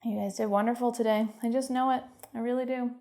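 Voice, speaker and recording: A young woman with a Canadian accent guiding a home workout, giving encouraging cues and calm stretching instructions. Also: a little high, quick pace. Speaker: fitness instructor.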